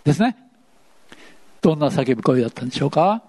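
Lively pastor quizzing his flock. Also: fairly high pitch, quick pace, slightly rough. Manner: asks the congregation questions, playful and chatty. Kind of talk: interactive sermon.

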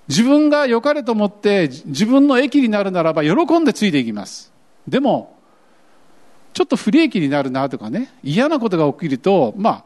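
A man preaching a sermon as pastor, acting out grumbling voices as he tells it, with a lilt. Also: sits high. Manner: animated, acts out quoted grumbling voices.

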